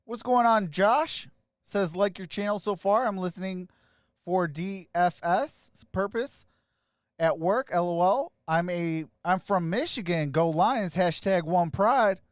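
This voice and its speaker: A man hosting a sports live stream, casually greeting viewers by name and giving shout-outs as he reads their comments. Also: high-pitched, measured pace, no echo, clean studio sound.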